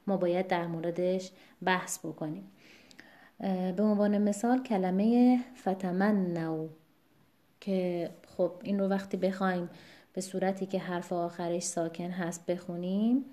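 Female recitation teacher, mellow tone, patient and formal, walks through examples slowly. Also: on the low side, fairly even intonation. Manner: patient, explanatory, slows to demonstrate examples; politely formal greetings. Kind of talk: online lesson lecture.

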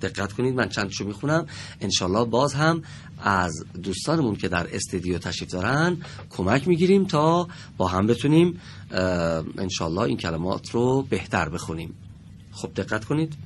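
Name: teacher. Sex: man. Pitch: low, with a lively range. Style: patient studio lesson. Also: a little hiss or hum. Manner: patient, deliberate explaining with drawn-out example words. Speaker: Quran reading teacher. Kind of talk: televised classroom lesson. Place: broadcast studio.

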